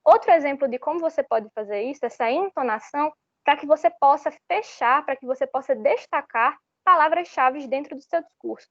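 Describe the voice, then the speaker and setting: A woman's voice: high voice, brisk, no echo. A young woman from Brazil giving an online public speaking lesson, explaining step by step and often restarting her phrases. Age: young adult. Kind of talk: online workshop lecture. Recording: slightly muffled, dull sound.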